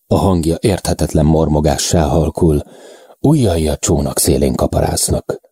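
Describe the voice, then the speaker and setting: A man reading a novel aloud in the first person, in a measured, even manner. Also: rumbling low, husky, dry recording, studio quality. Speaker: audiobook narrator. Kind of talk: first-person audiobook narration.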